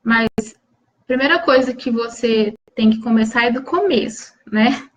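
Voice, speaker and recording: A woman's voice: a little high, a bit bright, low-quality recording. A woman from Brazil hosting a live stream, coaching viewers in an earnest, restarting way and answering them by name.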